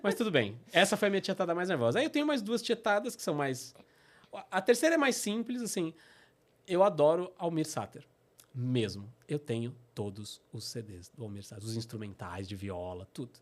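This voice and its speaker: A middle-aged man with a Brazilian Portuguese accent telling personal stories on his podcast, animated and full of fillers. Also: a little high, brisk. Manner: animated, acts out quotes, many fillers like "né" and "tipo assim". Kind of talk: casual storytelling.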